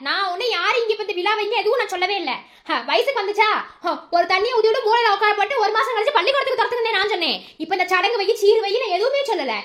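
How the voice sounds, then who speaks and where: A woman plays a sharp-tongued village mother in a cartoon, firing off scorn in a Madurai Tamil accent. Her voice sits very high and bright, and the words tumble out at a breakneck clip with no room for interruption. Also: expressive. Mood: scornful. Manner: scolding, rapid-fire and scornful. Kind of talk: cartoon dub acting.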